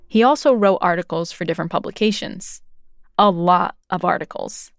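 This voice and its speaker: A woman's voice: fairly low pitch, normal speed, no room sound, clean studio sound, faint music behind. A woman from New Jersey hosting and reading scripted documentary narration. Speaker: host and narrator.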